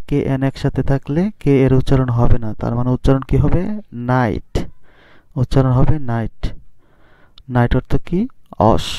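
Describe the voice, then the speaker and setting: A man's voice: mid-range voice, mellow, clean tone, dry recording. A man teaching an English reading lesson to students. He spells words letter by letter and keeps asking the class how to say them. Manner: spells out letters slowly and asks students questions. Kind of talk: classroom lesson on phonics rules. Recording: dry, dull lo-fi sound.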